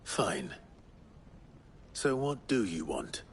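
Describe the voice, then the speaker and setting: A man playing a terse, level-headed wandering swordsman with a measured delivery in a fantasy game. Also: low voice, big pitch swings, a little hiss or hum, heavily acted. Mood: guarded, resigned. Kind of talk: period fantasy game drama acting.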